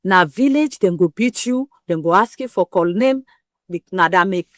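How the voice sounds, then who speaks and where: A woman's voice: lowish voice, animated, normal speed, fairly bright tone, no room sound, clean studio sound. A woman with a West African Pidgin English accent explains things frankly and emphatically in an interview, using everyday comparisons. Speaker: interview guest explaining women's health.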